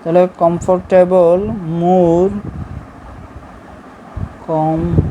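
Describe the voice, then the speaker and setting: A Bangladeshi woman teaches a grammar lesson, pausing to write and repeating each rule patiently. Her voice sits a little low and sounds mellow and dark, and she keeps checking that her students follow along. A faint hum of noise runs behind her. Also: little pitch movement, dull audio. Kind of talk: explaining a lesson while writing on a board.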